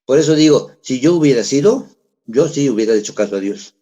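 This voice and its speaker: A man's voice: medium pitch, expressive, brisk, warm tone. A middle-aged man, preaching a sermon in a conversational way, asking the congregation rhetorical questions. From Peru. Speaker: pastor.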